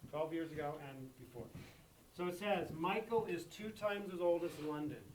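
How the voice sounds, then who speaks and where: A man's voice: on the high side, normal speed, a little hiss or hum. A man teaching a math lesson to a class, repeating key points and checking that students follow. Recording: echoey classroom from far off.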